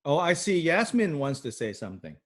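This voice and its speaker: A woman's voice: deep voice, big pitch swings, fairly quick. A woman hosting a video call, with dry, teasing quips. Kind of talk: casual group video call.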